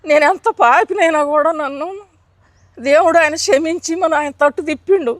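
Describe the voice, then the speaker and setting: An older woman tells her testimony in a high voice. She pleads and speaks earnestly. The recording is close and dry, with no room echo. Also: moderate pace. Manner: earnest, pleading, acts out her own past prayers. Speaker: interviewee giving testimony. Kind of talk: emotional testimony.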